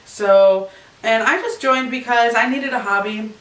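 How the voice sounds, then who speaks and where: A woman's voice: fairly high pitch, unhurried, a bit bright. A young woman vlogging in a casual, rambling chat, giggling as she answers questions in her bedroom. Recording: echoey room, camera far off.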